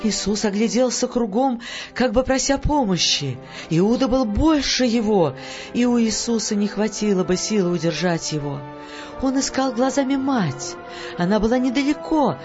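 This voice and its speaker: A woman reading a story aloud as an audiobook narrator, measured, letting phrases fall at their ends. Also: mid-range voice. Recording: dull audio with faint music.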